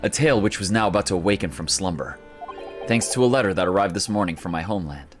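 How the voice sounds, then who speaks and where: A man playing an earnest, polite young lawyer from a video game, reading his lines in a measured manner. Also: sits low, lively intonation, soft background music, voice pushed down. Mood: reflective. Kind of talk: reading game dialogue and narration in character.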